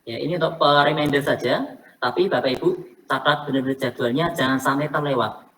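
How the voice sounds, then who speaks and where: A woman's voice: extremely low pitch, a little fast, fairly bright tone. A woman coaching teachers for selection interviews, explaining in a casual way and repeating her key points. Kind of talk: online coaching session talk. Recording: faint noise, somewhat distant from the mic.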